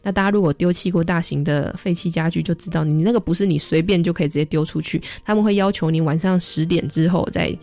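A woman's voice: lowish voice, fast, few pauses. A young adult woman, a social worker, telling stories in a radio interview and acting out the voices of people she quotes. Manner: lively storyteller, acts out quoted voices.

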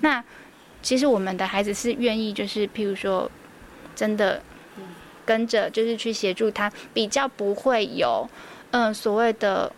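A woman's voice: medium pitch, a little slow, a little hiss or hum. A woman with a Taiwanese Mandarin accent, a preschool teacher guest on a radio interview, telling stories earnestly with many fillers.

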